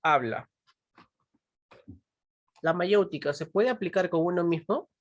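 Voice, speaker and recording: A woman's voice: on the low side, measured pace, no echo, muffled recording. A woman teaching a philosophy class, constantly checking in with her students, asking them questions and pushing them to answer. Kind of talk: online pre-university class.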